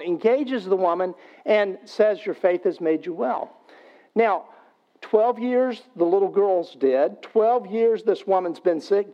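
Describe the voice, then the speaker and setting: A man with a high voice preaches a sermon, retelling the gospel accounts in casual, everyday language. The recording sounds dull and lo-fi. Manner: conversational, paraphrasing scripture in everyday speech. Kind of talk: sermon storytelling.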